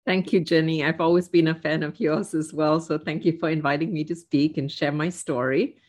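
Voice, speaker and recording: A woman in her fifties from Singapore, speaking as an interview guest in a measured, reflective way with frequent "um" fillers. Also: low-pitched, fairly even intonation, darkish tone. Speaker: guest, investor. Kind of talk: casual interview.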